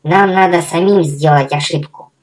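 A squeaky little magical creature, as a male reader puts it on, cheeky and quick. The voice sits very high and sounds pinched and strange, bouncing with mischief. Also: close to an everyday voice. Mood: eager, teasing.

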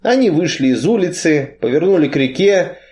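A male narrator reading a literary story aloud at a measured pace. His voice sits a little high and rises and falls with the prose. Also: expressive, a little mellow.

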